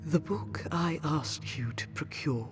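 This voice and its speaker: Measured and weary, a low-voiced woman gives an intimate monologue as a grieving, centuries-old noble vampire in a fantasy audio drama. She sounds exhausted and pained, her archaic, formal speech halting and full of sighs, at times a breathy whisper, as music plays behind.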